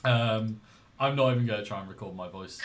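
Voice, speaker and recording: A man's voice: on the low side, fairly quick. A man hosting a podcast in casual, informal, rambling style, speaking into a laptop's built-in microphone. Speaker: podcast host.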